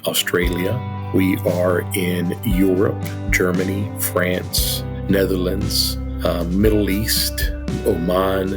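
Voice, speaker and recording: Low-voiced earnest man over music. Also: flat delivery, slow pace. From Cuba. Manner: earnest, grateful, repeats words when starting a thought. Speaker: company president, guest. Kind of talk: reflective storytelling interview. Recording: music bed underneath.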